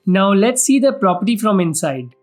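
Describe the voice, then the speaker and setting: A man's voice: high-pitched, very animated, moderate pace. Indian-accented man presenting a property tour, music behind. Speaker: property vlog host. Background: background music.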